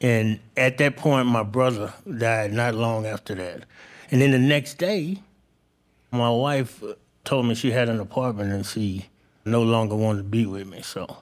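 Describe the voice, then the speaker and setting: A man from Arkansas, telling his story candidly and informally as a guest on stage, in halting phrases. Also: mid-range voice. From Arkansas, United States. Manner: plain-spoken, informal, halting. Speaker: interview guest, barbecue cook. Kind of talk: candid personal storytelling in a live interview. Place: on stage at a live show.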